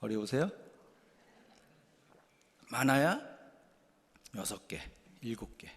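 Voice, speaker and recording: A male pastor preaching a sermon through stories, animated and candid, dropping to quiet asides and then rising into loud, emphatic bursts. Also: medium pitch, slow pace, long reverb tail. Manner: candid, self-deprecating confession. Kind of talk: storytelling sermon.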